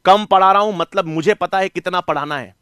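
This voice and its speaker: A man's voice: high voice, fairly quick, pushed and bright, clean tone, no room sound, studio quality. A middle-aged male biology teacher giving an online class, coaxing his students and answering his own questions. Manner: coaxing, calls students "beta" and "bachche"; asks questions and answers them himself.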